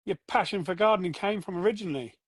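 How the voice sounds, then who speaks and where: A man's voice: high voice, fast, breathy edge, dry recording, clean studio sound. A man hosting a podcast, asking questions in a casual, joking way. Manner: jokey, friendly questioning. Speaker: podcast host. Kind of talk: casual interview chat.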